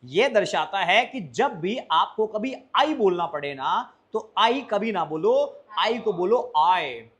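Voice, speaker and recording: High-voiced teacher drilling a class. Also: male voice, animated, fairly bright tone. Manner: drills students with repeated questions and slow, stretched English phrases. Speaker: spoken English teacher. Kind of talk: classroom lesson. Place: classroom with students.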